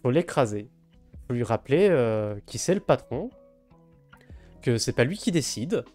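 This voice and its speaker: Male streamer, mid-pitched, relaxed banter over soft background music. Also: measured pace. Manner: chatty, reads and answers chat, teasing. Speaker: streamer drawing live. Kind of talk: casual live-stream chat while drawing.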